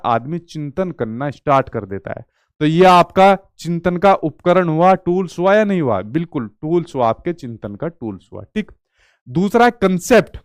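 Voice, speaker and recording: A man's voice: on the high side, smooth, no room sound, studio quality. A male teacher giving an exam-prep lecture, asking and answering his own questions as he explains.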